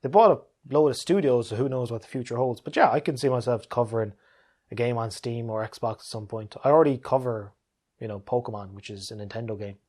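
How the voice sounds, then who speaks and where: Speaking fairly quickly in a mid-range voice with a dark tone, this man hosts a laid-back gaming Q&A as a YouTube video creator. His manner is conversational and relaxed, with frequent chuckles.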